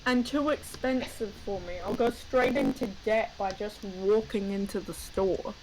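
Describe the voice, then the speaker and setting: A woman's voice: mid-range voice, unhurried, darkish tone, a little hiss or hum, rough recording. A woman co-hosting a casual chat over a remote call. Her audio glitches and wobbles until she sounds like she is crying. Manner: joking, self-mocking. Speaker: co-host.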